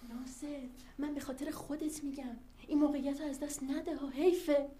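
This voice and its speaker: A woman's voice: sits high, steady tone, warm tone, lightly acted. A woman playing a persuasive office worker who is scheming and coaxing in a TV drama. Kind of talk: TV drama acting.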